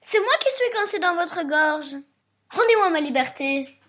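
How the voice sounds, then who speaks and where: A woman's voice: expressive, moderate pace, fairly bright tone. A woman doing a piping thumb-sized little tailor. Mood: crying out. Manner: high, piping cries for help. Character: tiny thumb-sized young male tailor, plucky. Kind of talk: storybook voice acting.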